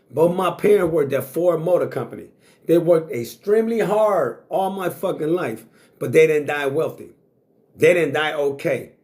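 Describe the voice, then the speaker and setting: A man's voice: on the high side, darkish tone. A man in his sixties speaking in a blunt, boastful monologue to camera, swearing freely and repeating himself. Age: 60s. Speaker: vlogger.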